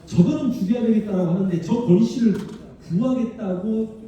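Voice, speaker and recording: Male history lecturer, lively and emphatic, dark voice, heard from afar in a booming hall. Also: brisk, lo-fi sound. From Korea, Honam region. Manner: animated, emphatic, chatty with the audience. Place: large civic auditorium. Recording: distant, very echoey hall sound.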